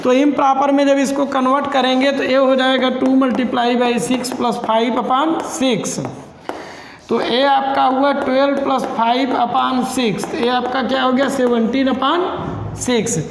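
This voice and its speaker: Young teacher guy, really high voice, asks the class each step, roomy echo and a bit of hiss. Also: level tone, normal speed, vocal fry. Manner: explains step by step, repeats key terms as questions to students; calls students "beta". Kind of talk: classroom maths lesson. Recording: echoey room with faint background noise.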